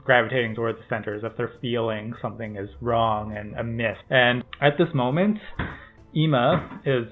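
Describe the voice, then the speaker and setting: A man's voice: medium pitch, normal speed, faint music behind. A man runs a tabletop game as game master, narrating loosely with plenty of fillers. His voice sits in a middle range. The recording is thin and phone-like. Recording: tinny phone-like call audio.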